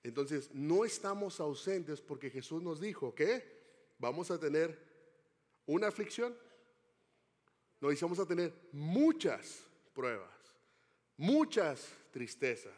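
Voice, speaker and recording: A man's voice: fairly high pitch, sing-song, slow pace, pauses often, a little mellow. A man preaching a sermon as pastor, asking the congregation questions as he goes. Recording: long hall reverb.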